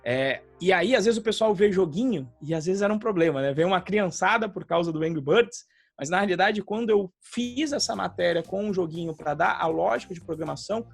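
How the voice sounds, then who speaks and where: Brazilian male podcast co-host, high-pitched, gravelly, teacherly, faint music bed. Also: expressive, a little fast. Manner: explanatory, frequent "tá?" tag questions. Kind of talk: casual podcast chat.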